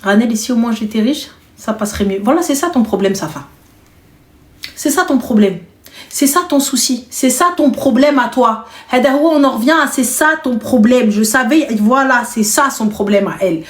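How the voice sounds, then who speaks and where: A woman in her thirties hosts a live call-in stream, teasing and joking with her callers. Her voice sits a little high, and the room around her rings with echo. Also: lively intonation, fairly quick, few pauses. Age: 30s. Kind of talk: casual live chat.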